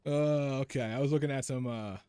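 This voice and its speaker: A man's voice: medium pitch, fairly even intonation, fairly quick, dark tone, clean tone, dry recording. A man streaming a video game, chatting casually as he plays and often repeating his own phrases. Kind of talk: casual live gameplay commentary.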